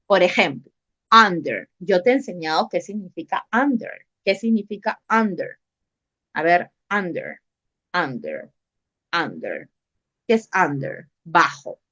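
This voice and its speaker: A woman's voice: on the low side, big pitch swings, slow pace, sharp tone. A woman English teacher, running an online class, patiently repeating questions and calling on students by name. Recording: dull lo-fi online class audio.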